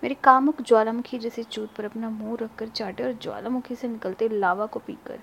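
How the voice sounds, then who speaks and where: Gravelly-voiced woman telling a sensual story. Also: on the high side, a little hiss or hum, poor audio. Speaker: story narrator. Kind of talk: sensual first-person story narration.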